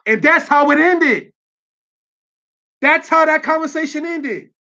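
Male street preacher, high voice, muffled low-fi sound, keeps asking "you understand?". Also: bright, forceful tone. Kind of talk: religious teaching.

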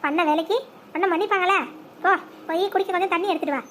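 A stubborn young husband in an animated family drama, voiced by a woman. He barks short commands in a very high, fast voice. He holds his grudge. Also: slight background noise. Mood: curt. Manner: curt, commanding.

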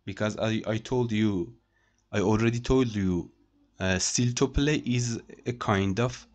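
A man's voice: fairly low pitch, measured pace, a little mellow. A man teaching French over a screen recording, repeating each phrase and translating it. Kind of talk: screen-share language lesson.

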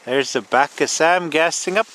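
A man giving casual running commentary while filming a hunting trip in snowy mountains, relaxed and plain, laughing now and then. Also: on the high side, moderate pace. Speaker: videographer narrating a hunting trip. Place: outdoors in snowy mountains, windy. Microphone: handheld camera mic. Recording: wind noise on a camera mic.

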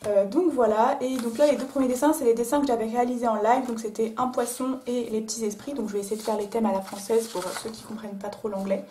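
A woman artist talking casually about her drawings, with many fillers and pauses. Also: a little high, steady tone, warm tone, a little hiss or hum. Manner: chatty, many fillers like euh and voilà. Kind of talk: casual chat. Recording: echoey room.

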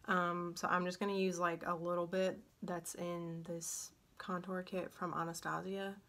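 A young beauty vlogger speaks in a lowish, level, slightly bright voice at an unhurried pace. Recorded at home by a phone on a stand about arm's length away, she casually walks through a makeup tutorial, drowsy and scattered, talking through a sore, barely opened mouth after getting her wisdom teeth out.

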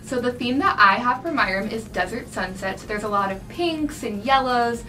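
A woman's voice: on the high side, expressive, moderate pace, pushed and bright, recorded from a distance, soft background music, rough recording. A young woman cheerfully showing her decorated bedroom to camera. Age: young adult. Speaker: student showing her room. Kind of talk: casual talk to camera.

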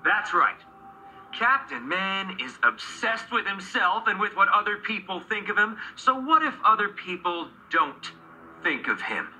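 A slowly menacing, theatrical male supervillain. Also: high-pitched, big pitch swings, bright, forceful tone, faint music behind, heavily acted, low-quality recording. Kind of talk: children's TV comedy acting. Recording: TV audio played back in a room.

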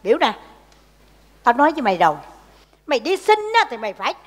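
An actress playing a bossy, scolding mother of beggar children in a stage comedy sketch, shrill and dramatic. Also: sing-song, fast, long reverb tail.

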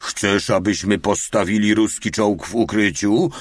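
A man voicing a small, impatient soldier who yells everything, in an audiobook. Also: low voice, moderate pace, no echo, clean studio sound. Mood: shouting, impatient. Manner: shouting, impatient. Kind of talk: audiobook character voice.

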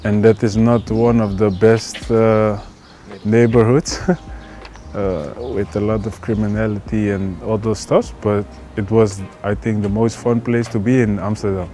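A young man in his twenties from the Netherlands with a Dutch accent, a footballer giving casual interview answers in a relaxed, hesitant way with many fillers. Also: on the low side, a little slow, faint music behind. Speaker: football player. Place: indoor hotel room.

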